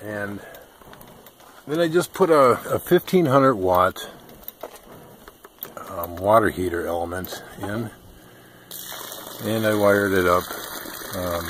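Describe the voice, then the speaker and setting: A man's voice: fairly low pitch, noisy background. A man casually walking through a DIY project outdoors at a rural homestead, talking behind a handheld camera with lots of ums. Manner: unhurried, many ums, explains while filming. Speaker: off-grid DIY vlogger. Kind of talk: casual how-to walkthrough.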